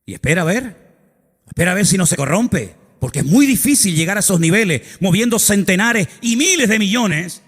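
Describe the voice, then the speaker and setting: High-voiced pastor preaching. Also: male voice, animated, brisk, fairly bright tone, slightly rough, long reverb tail. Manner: dramatic storytelling with emphatic repetitions and asides. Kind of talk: preaching a sermon. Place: church.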